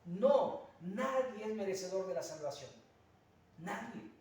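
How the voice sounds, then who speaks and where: A man with a Mexican accent preaches a sermon as pastor in a church sanctuary, earnest, with rhetorical asides and frequent hesitant fillers. His high voice is expressive, slightly mellow and a little slow. He's recorded from a distance in a very echoey church.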